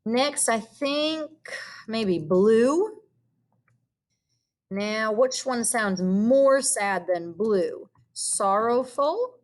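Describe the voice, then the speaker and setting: A woman teacher patiently walking students through a vocabulary activity, explaining each step with gentle hums and fillers. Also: fairly high pitch, lively intonation, drawn-out words, long pauses. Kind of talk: recorded classroom lesson walkthrough.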